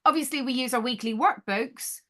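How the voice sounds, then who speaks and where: A middle-aged woman, an educator, explaining her maths programme in an interview, lively and acting out little dialogues as she talks. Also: high voice, a little fast. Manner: animated storyteller, acts out dialogue, laughs often.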